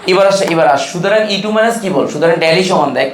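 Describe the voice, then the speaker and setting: A man's voice: high voice, a little hiss or hum. Quizzing man teaching chemistry in an echoey room. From Bangladesh. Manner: keeps quizzing students with quick questions; informal, brotherly tone with students. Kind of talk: classroom lecture. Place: classroom.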